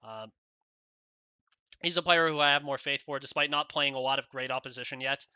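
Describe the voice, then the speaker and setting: Bright, rambling man talking esports. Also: mid-range voice, fairly even intonation, fairly quick, clean tone, no room sound, highs cut off. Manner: casual, rambling, many fillers and "right?" tags. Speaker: esports commentator. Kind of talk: rambling solo commentary.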